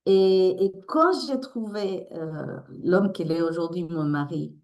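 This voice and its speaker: A woman's voice: fairly low pitch, slow, a little mellow, lo-fi sound. A woman with a Spanish accent, a resilience coach speaking earnestly in an interview, often restarting as she searches for words. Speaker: guest, resilience coach and therapist. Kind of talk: emotional interview talk.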